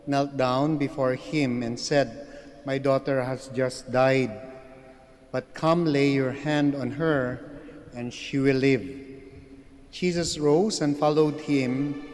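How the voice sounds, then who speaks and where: Male priest, slow measured homily, long cathedral echo. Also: medium pitch, a little mellow. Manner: slow and measured, with frequent pauses and filler sounds. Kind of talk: gospel reading and homily at Mass. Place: large church. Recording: long church reverb.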